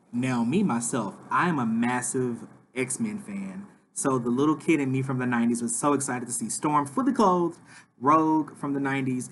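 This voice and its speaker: A man's voice: mid-range voice, slight background noise. A man in his thirties, a father, chatty and upbeat as he narrates a family vlog voice-over, often saying "like". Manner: enthusiastic, chatty, says "like" a lot.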